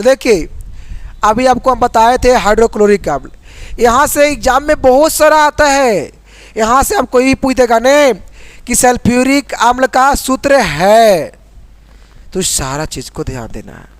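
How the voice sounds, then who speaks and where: A man teaching a school chemistry lesson, asking the class questions and answering them himself, and reading chemical formulas out slowly letter by letter. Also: very high-pitched, dry recording. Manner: repeats questions and drills answers.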